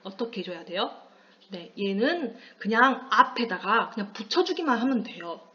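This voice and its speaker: A woman teaching a high school class, explaining a lesson and answering her own questions to the students. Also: animated, normal speed, bright, forceful tone, highs cut off. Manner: patient, asks the class questions and answers them herself. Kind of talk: classroom lecture on pinyin.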